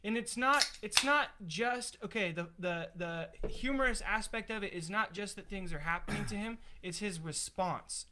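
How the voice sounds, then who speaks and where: A man co-hosting a live-streamed chat show, telling animated stories with frequent laughter. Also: high voice, normal speed, hardly any pauses, noisy background. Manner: animated storyteller, laughs often. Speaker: co-host. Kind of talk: casual chat.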